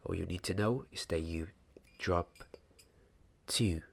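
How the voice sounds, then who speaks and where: This ASMR roleplay features a young adult man as a mild-mannered wand maker's apprentice, murmuring in a hushed, deliberate and halting way near the microphone. His voice is low-pitched and creaky, and the scene is a small candlelit room.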